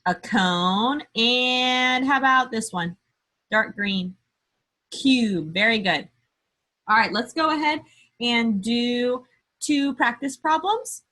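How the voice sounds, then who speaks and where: A woman teacher with a bright, clear-cut voice leads little children through a lesson. She speaks slowly and deliberately, as if to a toddler. She puts emphasis on key words and leaves pauses after simple questions. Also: a little high. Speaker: early-grade teacher. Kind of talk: remote math lesson for young children. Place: indoor room, screen-share lesson.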